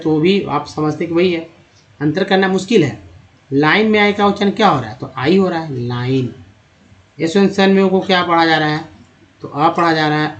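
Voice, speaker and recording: A man's voice: a little high, muffled recording. A man teaching English pronunciation in Hindi, explaining step by step and asking questions that he answers himself. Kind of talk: classroom-style explanation.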